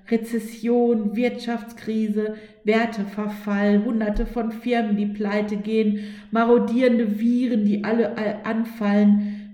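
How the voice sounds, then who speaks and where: A woman voicing Fear as a clingy, panicky female figure who frets and quickly turns shrill. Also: a little mellow. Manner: fretful, quickly shrill and alarmed. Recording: echoey room.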